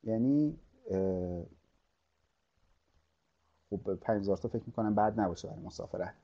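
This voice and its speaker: A man teaching an online course, talking through a screen-share tutorial with many pauses and restarts as he clicks through a website. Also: fairly low pitch, dark tone, dull audio. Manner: hesitant, many fillers and restarts, thinking aloud while clicking.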